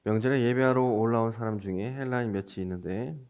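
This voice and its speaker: A pastor delivers a Sunday sermon with scripture reading, explaining the text conversationally and posing questions to his listeners. His mid-range voice is steady, quick, and a little mellow.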